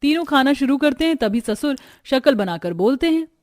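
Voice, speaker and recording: A woman narrating a cartoon story in a steady storytelling manner. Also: sits high, moderate pace.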